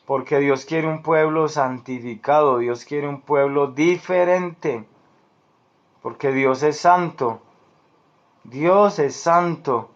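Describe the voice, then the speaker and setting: A man preaching a sermon in an earnest, repetitive way, speaking directly to the listener as a beloved friend. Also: fairly high pitch. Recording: dull lo-fi recording.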